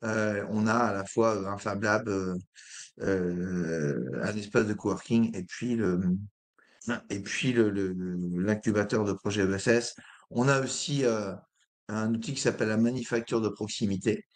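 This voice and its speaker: A hoarse man presenting a project in an online meeting, hesitating often with fillers. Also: fairly low pitch, unhurried. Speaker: presenter of an incubator.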